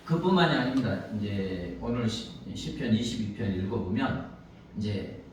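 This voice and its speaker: Lively preaching man in an echoey church. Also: lowish voice, moderate pace, slight background noise. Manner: animated preaching, acts out pleading prayers, asks the congregation questions. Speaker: pastor. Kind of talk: sermon. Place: church sanctuary. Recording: echoey church hall, mic at a distance.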